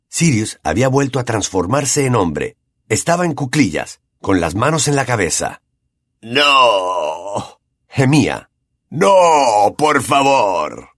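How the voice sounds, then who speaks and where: Husky, lively male audiobook narrator. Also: mid-range voice, dry recording, studio quality. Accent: Latin American Spanish. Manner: expressive, dramatic storytelling.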